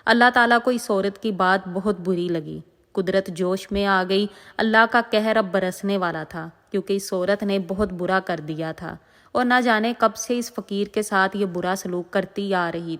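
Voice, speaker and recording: A woman's voice: mid-range voice, fairly bright tone. Woman storyteller with heavy echo. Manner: dramatic, emotive narration. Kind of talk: narrating a moral religious story. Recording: long echoing reverb.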